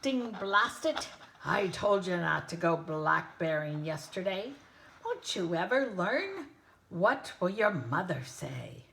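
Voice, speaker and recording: A woman voicing an angry, hungry male lion in a storybook, loud and scolding. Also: fairly low pitch, lively intonation, a little slow.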